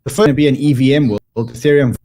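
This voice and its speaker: A man's voice: medium pitch, fairly even intonation, racing, dark tone. A man speaking as a guest over a video call, his audio clipping and distorted, emphatic and often repeating words as he restarts. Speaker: guest commentator. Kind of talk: remote interview discussion.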